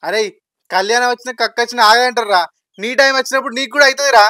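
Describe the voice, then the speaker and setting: Quick, high-voiced consoling village friend. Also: male voice, sharp tone, dry recording, studio quality.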